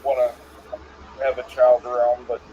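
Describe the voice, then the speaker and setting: A man's voice: mid-range voice, completely flat delivery, moderate pace, dark tone, a little hiss or hum. A man's voice heard as a delayed echo of the stream feeding back through a caller's audio, repeating phrases just spoken in a casual livestream chat. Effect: delayed echo of the stream played back through a caller's audio. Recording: dull, muffled echo feedback.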